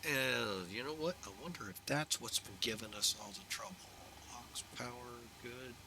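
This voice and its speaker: A man's voice: medium pitch, normal speed, background noise. A man giving casual live-stream commentary as a flight simulator host, talking himself through each checklist step.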